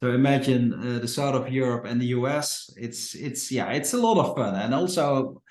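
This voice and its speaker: A man's voice: mid-range voice, animated, normal speed, darkish tone, roomy sound. A man from the Netherlands with a Dutch accent, a company founder talking in a casual podcast interview, hesitant with many fillers and restarts. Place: Portugal.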